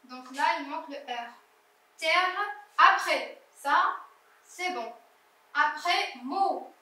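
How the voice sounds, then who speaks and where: Slow, high-voiced woman teacher in an echoey room. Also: bright, forceful tone, far from the mic. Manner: slow, deliberate, sounding out syllables. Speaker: primary school teacher. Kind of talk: slow classroom lesson correcting exercises. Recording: echoey room, voice away from the mic.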